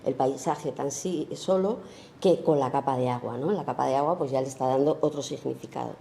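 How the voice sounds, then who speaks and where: A woman's voice: very deep voice, brisk, gravelly, warm tone, a little hiss or hum. A woman photographer giving an informal talk about her own work, thoughtful and searching, with many fillers and tag questions. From Spain.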